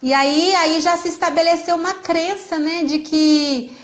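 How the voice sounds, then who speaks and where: A woman talking earnestly about parenting in a casual conversation, sometimes acting out what a gentle mother would say. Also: very high-pitched, steady tone, a little slow. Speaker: guest speaker on parenting.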